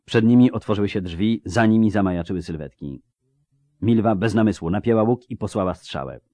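A man narrating an audiobook in a steady, dramatic reading style. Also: on the low side, brisk, no echo. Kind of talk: scripted narration.

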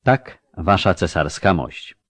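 A man's voice: low voice, expressive, takes it slowly, slightly rough, no room sound, full character voice. A man voicing a frightened young girl posing as a princess, answering timidly and formally. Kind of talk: audiobook character voice.

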